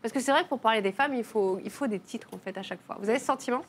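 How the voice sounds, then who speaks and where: Bubbly fast-talking woman host. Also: on the high side, slight background noise. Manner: bubbly, quick, playful. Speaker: TV show host. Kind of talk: lively studio chat.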